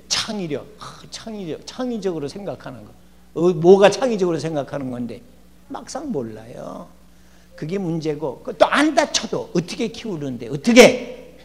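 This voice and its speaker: A gravelly older man giving a lively, humorous lecture as a guest educator in a church. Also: sits high. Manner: lively, acts out quoted people with shouting and laughs. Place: church hall. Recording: long church hall reverb, faint hum.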